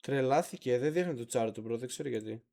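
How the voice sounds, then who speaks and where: A man's voice: medium pitch, vocal fry, mellow. A man streaming live, reacting to clips in a laid-back, slangy way, chatting to his viewers. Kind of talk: casual live-stream chat.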